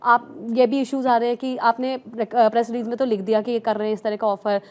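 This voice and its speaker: A woman speaking as a tax expert on a news panel, explaining in a steady, explanatory way and mixing English terms into her talk. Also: fairly high pitch, a little fast.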